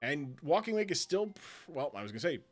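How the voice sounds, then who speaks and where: A man hosting a live stream, commentating matches in a rambling, excitable way and laughing often. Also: fairly high pitch, a little fast, soft background music. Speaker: league commissioner and host.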